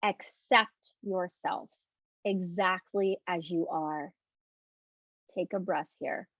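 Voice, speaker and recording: A fairly low, steady female voice comes through without echo, though the audio is dull. She runs a guided self-love livestream with breathing cues and audience questions, swinging between gentle, reassuring repetition and a loose, chatty style peppered with "like" and false starts.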